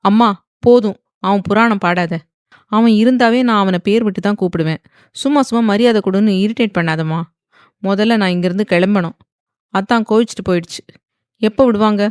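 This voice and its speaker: A woman voicing a sulky, sharp-tongued young wife who complains irritably. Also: on the high side, a little fast, no room sound, clean studio sound, lightly acted. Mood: irritated.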